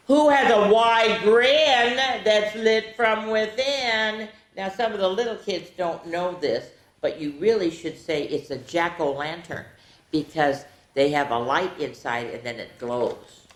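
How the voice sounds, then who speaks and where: Picture books come alive as a mid-range-voiced woman reads them to children in a theatrical, playful way, stretching out words and adding offhand remarks. The sound is roomy, with plenty of echo.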